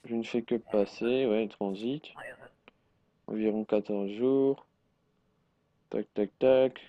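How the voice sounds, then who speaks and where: A man's voice: on the low side, fairly even intonation, slow, dry recording, dull audio. A man giving live, joking commentary on a game he plays, reading its text aloud with sarcastic remarks. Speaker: gaming streamer.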